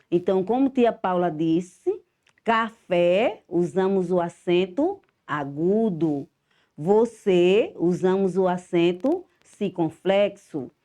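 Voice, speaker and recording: A woman's voice: lowish voice, warm tone. A middle-aged woman teacher with a Brazilian Portuguese accent, giving a home-school lesson to children, affectionate and emphatic, stressing each syllable.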